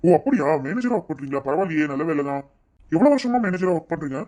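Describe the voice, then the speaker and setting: An actor voicing a caring father of the bride in a cartoon, speaking in a coaxing, rapid, questioning way. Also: medium pitch, very animated, mellow, lightly acted. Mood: polite. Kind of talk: cartoon voice acting.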